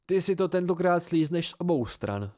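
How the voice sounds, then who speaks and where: A man's voice: sits high, animated, darkish tone, pitched above the performer's own voice. A man reading an amateur audiobook, voicing a dry-witted seasoned man who lectures his younger friends wryly. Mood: lecturing.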